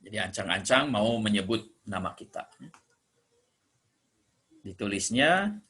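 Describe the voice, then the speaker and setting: Indonesian guy teaching japanese basics, lowish bright voice, patient, repeats stuff slow. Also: animated, husky. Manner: patient, repeats and spells out phrases slowly. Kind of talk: classroom explanation.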